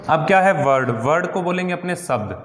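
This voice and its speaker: A man's voice: on the high side, lively intonation, fairly quick, fairly bright tone. A male teacher explaining grammar step by step, often checking in with his class and asking rhetorical questions. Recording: echoey room with long reverb.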